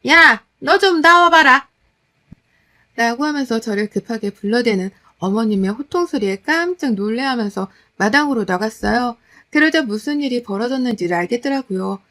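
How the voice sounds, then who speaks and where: A woman telling her own story as a daughter-in-law, in steady, conversational scripted narration with wry exasperation. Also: on the high side.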